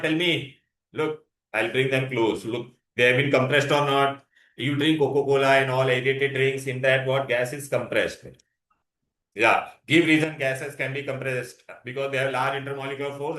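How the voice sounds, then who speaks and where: Male teacher, Indian accent, bright forceful voice, roomy echo. Question-led classroom delivery, English with Hindi words mixed in. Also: mid-range voice, little pitch movement, brisk. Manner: asks frequent questions, prompting for answers. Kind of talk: interactive classroom science lesson. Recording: echoey, roomy sound.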